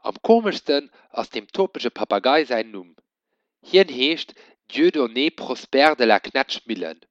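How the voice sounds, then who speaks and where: A man reads a children's story aloud, his pitch swinging in very lively, animated arcs. The sound is dry and dull, with a lo-fi edge. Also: a little slow, dry recording. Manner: expressive, lively storybook reading.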